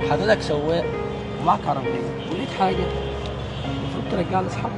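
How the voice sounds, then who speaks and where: A man's voice: fairly high pitch, expressive, rapid-fire. An Egyptian man, a passerby in a street prank, arguing indignantly and pleading. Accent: Egyptian Arabic. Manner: indignant, pleading then loud. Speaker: passerby in the experiment. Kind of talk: heated street argument. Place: street beside a car. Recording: loud music bed over street audio.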